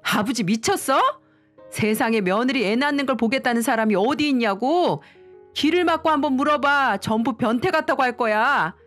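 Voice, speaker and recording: A woman voicing a hot-tempered young husband who shouts angrily at his father in a spoken story. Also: a little high, moderate pace, soft background music, voice pushed up, lightly acted. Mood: furious. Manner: angry, shouting.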